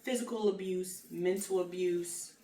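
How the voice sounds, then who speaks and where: A woman co-hosting a casual advice chat, speaking earnestly and pausing on fillers as she makes her points. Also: on the low side, fairly even intonation, mellow. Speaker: podcast co-host. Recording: echoey room, mic at a distance, faint noise.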